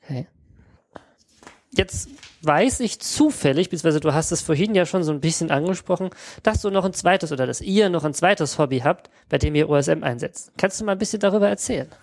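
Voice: medium pitch, lively intonation, fairly quick, a little mellow. An interviewer in a casual talk, asking long questions that restart along the way.

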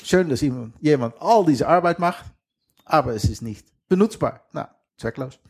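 Here the same kind of speaker, a middle-aged Dutch sailor from the west of the country, sounds fairly high, gravelly and husky, and animated at a normal speed. He's a guest in a relaxed interview, talking simple German with mistakes and a heavy Dutch accent.

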